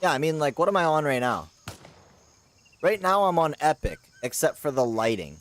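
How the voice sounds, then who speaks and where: A man streaming a shooter game live, chatting casually and rambling with slang, with sudden loud outbursts of surprise. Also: fairly high pitch, sing-song, moderate pace.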